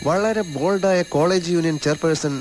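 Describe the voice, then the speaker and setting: A man's voice: on the high side, moderate pace, over music, lightly acted, rough recording. A middle-aged actor with a Malayali accent playing a sarcastic, officious male police commissioner in a film comedy-drama. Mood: probing, sarcastic.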